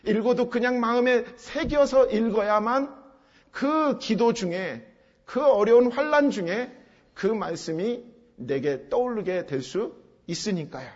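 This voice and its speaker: A man's voice: extremely high pitch, lively intonation, a little slow. A man preaching an expository sermon, explaining step by step and driving points home with emphatic repetition. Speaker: pastor. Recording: dull sound with long hall reverb.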